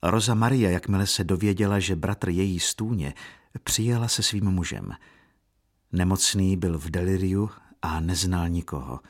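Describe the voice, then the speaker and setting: Low-voiced male audiobook narrator.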